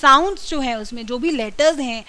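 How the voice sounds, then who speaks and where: A woman lectures a communication skills class. Her voice sits high and sounds bright and crisp. She explains each point patiently, one step at a time. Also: fairly quick, poor audio. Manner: explanatory, drills words with exaggerated stress. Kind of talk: classroom lecture mixing Hindi and English.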